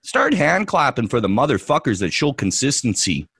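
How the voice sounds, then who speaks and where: A man's voice: medium pitch, sing-song, normal speed, creaky, a bit bright, breathy edge, dry recording. A man co-hosting a trading podcast, ranting profanely and mocking others in put-on voices. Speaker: podcast co-host, trader. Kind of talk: ranting casual podcast talk.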